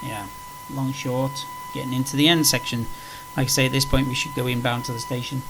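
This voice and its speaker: This man hosts flight simulator videos, offering loose, unscripted tutorial commentary as he plays and wanders from point to point. He speaks briskly in a mid-range, level voice. A background hum makes the recording clearly noisy.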